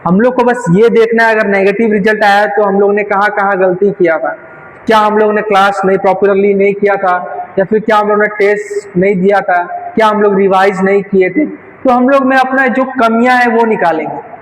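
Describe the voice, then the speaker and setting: A man's voice: sits high, fairly even intonation, normal speed. A man teaching a nursing class in speech, who keeps asking his students questions and then repeating the answers himself. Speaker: nursing tutor. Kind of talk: classroom lecture. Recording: echoey room with light background hum.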